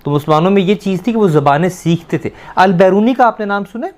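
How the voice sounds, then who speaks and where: Man, patient teacher, slow repeated words, quizzes pupils. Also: high voice, lively intonation, a little mellow. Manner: patient, repeats words slowly to drill pronunciation; asks the pupils questions and praises answers. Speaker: Persian teacher. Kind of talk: teaching a class of children.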